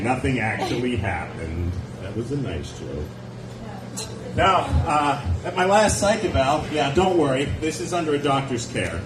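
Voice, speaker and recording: A mid-range-voiced comedian in his forties performs stand-up on a nightclub stage indoors, using a handheld mic. He's sardonic, full of wry asides and chatty with the audience. The recording is echoey and distant, with background noise from the club.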